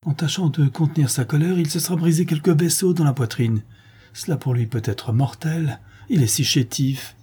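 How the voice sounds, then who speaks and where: An anxious, tender old duke from a storybook, voiced by a man reading aloud, speaking in fervent exclamations. the voice sits dark and husky, pitched a little above the narration. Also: moderate pace. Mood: alarmed.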